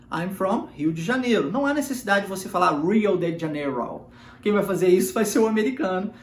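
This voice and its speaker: A teacher from Minas Gerais giving an online language lesson, modelling phrases slowly and repeating them for learners. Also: mid-range voice. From Minas Gerais, Brazil. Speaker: English teacher. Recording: echoey room.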